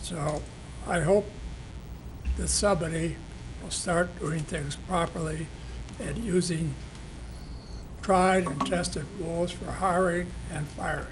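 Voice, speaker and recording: Slow, high, raspy whispery man's voice. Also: fairly even intonation. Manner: halting, broken phrasing. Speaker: citizen giving public comment. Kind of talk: public comment speech. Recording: noisy public meeting room recording.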